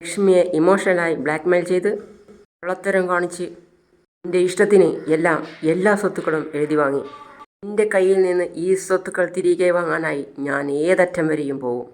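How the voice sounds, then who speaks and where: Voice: medium pitch, fairly even intonation, a little fast, natural voice. Narrator putting on a stern rich father, firm and warning, in a retold tv drama. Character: stern wealthy father, middle-aged man.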